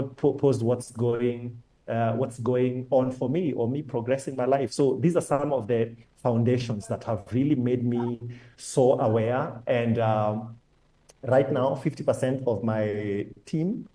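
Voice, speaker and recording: Mellow-voiced earnest man. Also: mid-range voice, low-quality recording. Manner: earnest, stumbling with repeats and restarts. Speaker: panel guest. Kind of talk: conversational panel talk.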